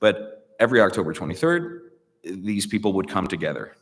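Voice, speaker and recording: A man from the United States with a very low, sing-song voice speaks slowly and reflectively as a guest in a public conversation. He hesitates often, using fillers and restarting sentences, and the long reverb of a large hall surrounds him.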